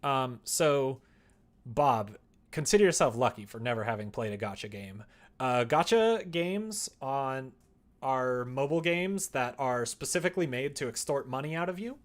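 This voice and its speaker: A streamer developing a visual novel chats casually while he works, speaking at a moderate pace with lively intonation and a medium pitch. He explains things in a rambling way and sometimes mutters to himself.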